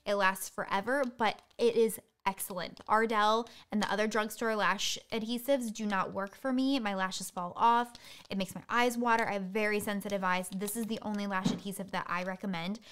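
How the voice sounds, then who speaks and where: Smooth-voiced woman hosting a makeup tutorial. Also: mid-range voice, fairly even intonation, fairly bright tone. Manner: chatty, quick product talk. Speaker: beauty host.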